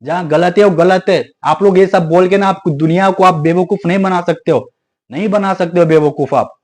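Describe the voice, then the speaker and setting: Indignant high-voiced man warning viewers. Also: normal speed, a little mellow. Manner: indignant, repeats himself, code-switches into English. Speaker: video creator warning viewers. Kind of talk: casual direct-to-camera monologue.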